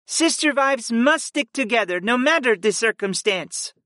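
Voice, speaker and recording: A man's voice: very high-pitched, expressive, unhurried, pushed and bright, no room sound, clean studio sound, pitched above the performer's own voice, exaggerated voice. A man voicing a loyal woman with a formal, earnest way of speaking.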